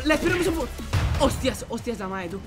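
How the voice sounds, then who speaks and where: Young spanish guy yelling and whispering over his game, really high voice, loud music behind. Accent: Spain Spanish. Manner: excitable, swings from hushed whispers to shouts, repeats words rapidly. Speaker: gaming YouTuber. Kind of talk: excited gameplay commentary.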